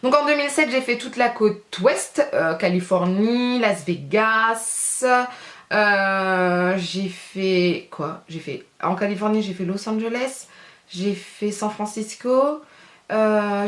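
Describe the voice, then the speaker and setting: Woman, 30s, beauty vlogger, casual slangy chat, hesitant fillers, middle pitch, echoey room. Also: slow pace.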